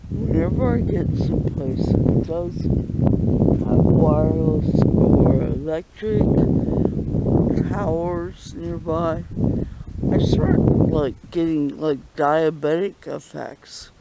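A man with a raspy voice and a stuffy nose, vlogging casually from a wooded hilltop farm, rambling and halting with frequent ums and self-mocking asides. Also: a little high, dull audio, very noisy. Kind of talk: casual outdoor vlog. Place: hilltop farm in the woods, outdoors.

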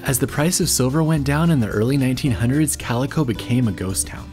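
A man in his thirties talks through a travel vlog in an upbeat, informative way, laughing easily as he goes. He films himself outdoors with the camera held out at arm's length, and soft music plays quietly behind him. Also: medium pitch, expressive, fast talker. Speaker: travel vlogger. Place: outdoors in the desert, on foot.

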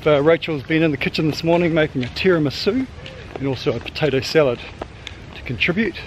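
A sailing vlogger in his fifties with a New Zealand accent walks and films on a tropical island, chatting casually in a slightly high voice at a quick pace. He's upbeat and teasing, with a noisy background and music playing.

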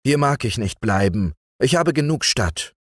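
A man voicing a gentle, homesick young man in a fairy tale, speaking with yearning. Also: mid-range voice, lively intonation, unhurried, dry recording, clean studio sound, voice pushed up. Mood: longing.

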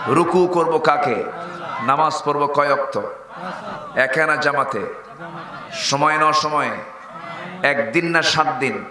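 A man preaching a fiery sermon. He rises to high, shouted peaks, calls out for the crowd to answer him, and slips into chanting. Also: takes it slowly, long pauses. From Bangladesh. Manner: rousing, rising to a high shout, then chanting. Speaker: Islamic preacher. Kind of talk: fiery sermon with call-and-response. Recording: echoey public-address sound with faint noise.

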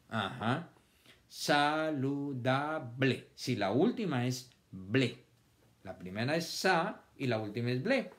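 Slow, lively-voiced male teacher. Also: medium pitch. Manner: slow, syllable-stretching classroom delivery; repeats words for children to copy. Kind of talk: children's vocabulary lesson.

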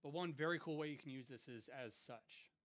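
Hosting a relaxed software tutorial, this young San Diego man, a music producer from the USA, speaks briskly in a fairly high voice. His tone is slangy, easygoing, and chatty.

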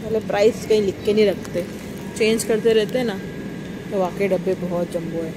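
A woman's voice: medium pitch, steady tone, fairly quick. A woman vlogger with an Indian Hindi-Urdu accent, chatting casually about products and prices while walking through a large supermarket, recorded on a phone. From South Asia. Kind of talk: casual walk-through vlog. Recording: phone video with store noise.

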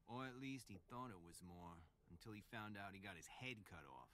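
A man's voice: lowish voice, lively intonation, normal speed, sharp tone, slight background noise. A man voicing a chatty, nervous male police officer with a Boston accent in a video game. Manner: rambling, eager to please.

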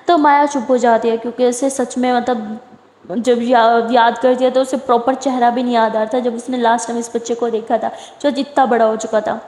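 A woman's voice: on the high side, a little mellow. A woman retelling a love story in a chatty, casual way, with fillers. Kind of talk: casual spoken story narration. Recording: roomy echo with long reverb.

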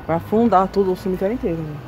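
A woman's voice: mid-range voice, racing, background noise. A Brazilian woman with a São Paulo accent chatting casually and uneasily as she walks outdoors, often exclaiming. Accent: Brazilian, São Paulo region. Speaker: vlog host. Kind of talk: casual exploration chat. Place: outdoors, walking through a cemetery.

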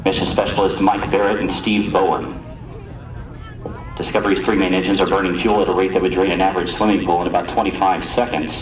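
Deep-voiced man, mission control commentary, public-address loudspeaker, echoey, far off, noisy. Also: highs cut off. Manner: brisk, even reporting of figures. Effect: public-address loudspeaker broadcast. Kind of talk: scripted flight commentary. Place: outdoors at a launch viewing site.

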